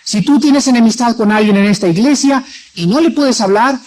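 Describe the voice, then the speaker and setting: A man preaching a sermon in a church, dramatic, acting out quoted voices and moving between loud and soft. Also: very high-pitched, normal speed, poor audio.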